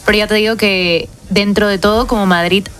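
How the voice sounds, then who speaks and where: A woman from Ecuador with an Ecuadorian accent, chatting casually in a radio studio in a warm, grateful way. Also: mid-range voice, steady tone, a little fast, soft background music. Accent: Ecuadorian Spanish. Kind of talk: casual chat.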